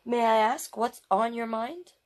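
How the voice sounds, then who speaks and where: A woman hosts storytime with picture books, speaking a little high and a little slow. She reads expressively, peppering the story with warm, chatty remarks and repeated phrases.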